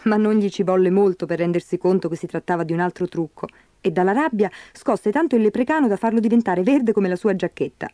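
A woman narrating a storybook tale in an expressive, measured way. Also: mid-range voice, no echo, studio quality.

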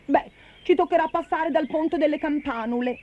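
Brief: eager little stick hero, voiced by a woman narrator; higher, bouncy, encouraging, dull recording. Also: moderate pace, close to an everyday voice.

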